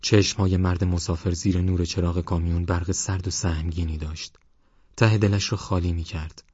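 A man calmly narrating a novel as an audiobook reader in a measured way. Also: low voice, breathy edge, no room sound, lo-fi sound. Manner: calm, measured reading. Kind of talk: scripted narration.

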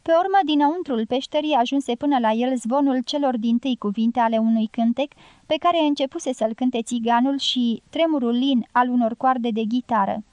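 A woman narrating a classic novel in an even, deliberate reading voice. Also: on the high side, clear, resonant tone, no room sound, muffled recording. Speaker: audiobook narrator. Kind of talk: literary audiobook narration.

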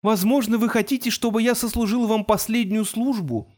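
A man voicing an ancient, gloomy male robot in an audiobook, with a creaky, grating voice and a slow, moaning, self-pitying drawl. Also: high-pitched, steady tone, a little mellow, voice pushed up, natural voice. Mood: mournful. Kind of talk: audiobook character voice.

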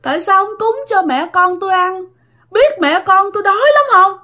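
A woman putting on a shrill wailing ghost mother. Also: normal speed, pushed and bright. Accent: Southern Vietnamese. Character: hungry vengeful female ghost mother, wailing then snarling.

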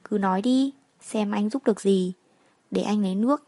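A woman's voice: medium pitch, moderate pace, warm tone, dry recording, lightly acted. Coaxing, scheming male boss, middle-aged, dry close voice , played by a woman.

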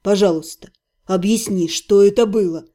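A woman voicing a nervous, bewildered young male necromancer who speaks low and hesitantly. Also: moderate pace, dark tone, lightly acted.

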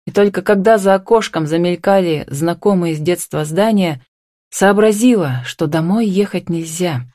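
A woman reads a novel aloud in an even, expressive way, her voice sitting a little low. The recording is close and completely dry, like a studio booth. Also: moderate pace, no echo. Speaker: audiobook narrator. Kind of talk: scripted narration.

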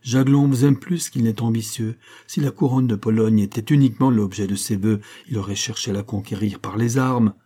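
A man reading an audiobook who voices a stern bishop in grave, measured speech. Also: lowish voice, steady tone, dark tone, breathy edge.

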